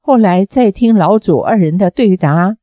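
A woman reading a martial arts novel aloud as a storyteller, raising her pitch for the characters' lines. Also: moderate pace, dry recording. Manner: lively reading with raised pitch for quoted characters. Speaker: audiobook narrator.

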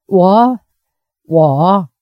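A woman's voice: on the low side, expressive, drawn-out words, no echo, highs cut off. A woman reading as a stammering young swordsman. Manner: stammering, pleading. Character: young swordsman, senior disciple, anxious and stammering.

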